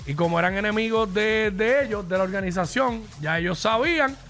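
A man with a Puerto Rican accent co-hosting a radio show, chatting and reading news in a lively, joking way. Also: high voice, a little fast, soft background music. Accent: Puerto Rican Spanish. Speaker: radio co-host. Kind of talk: casual radio chat and news.

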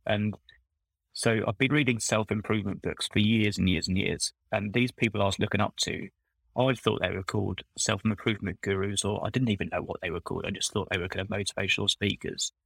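Gravelly low-voiced man telling stories. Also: steady tone, brisk, a bit bright, no room sound, rough recording. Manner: rambling, self-correcting storyteller. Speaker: guest, former recruiter turned coach. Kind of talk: casual podcast conversation.

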